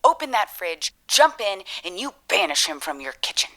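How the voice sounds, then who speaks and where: A woman's voice: mid-range voice, very animated, normal speed, a bit bright. A woman playing an unflappable, chipper customer service agent with scripted politeness in a comedy. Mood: helpful, matter-of-fact. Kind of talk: comedy dialogue.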